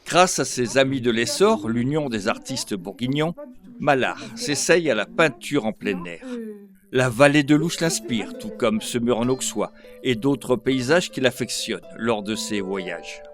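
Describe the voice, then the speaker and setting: A man narrating a local news report in a measured, scripted reading. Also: medium pitch, lively intonation, soft background music. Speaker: voice-over reporter.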